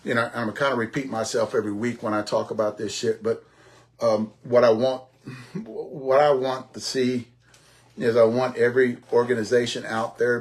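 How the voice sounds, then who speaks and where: A man's voice: medium pitch, darkish tone. A man in his sixties hosting a podcast in a rambling, casual monologue, often repeating himself and swearing offhandedly. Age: 60s. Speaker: podcast host.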